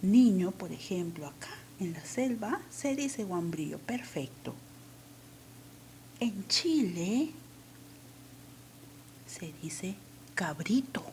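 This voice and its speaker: Peruvian woman teacher, unhurried and warm-toned, patient step-by-step explainer. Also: mid-range voice, big pitch swings, a little hiss or hum. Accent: Peruvian Spanish. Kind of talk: recorded language lesson.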